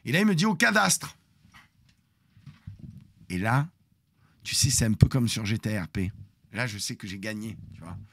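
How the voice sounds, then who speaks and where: A man's voice: on the low side, moderate pace, vocal fry, long pauses, no room sound. A man telling a story on a live stream, acting out the confrontation dramatically. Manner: dramatic, animated retelling that acts out the confrontation.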